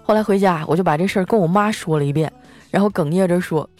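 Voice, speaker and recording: A young woman hosting, telling self-mocking comic stories in a chatty, animated way. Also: on the low side, fast, soft background music. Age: young adult. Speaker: host. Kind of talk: comic storytelling monologue with ad reads.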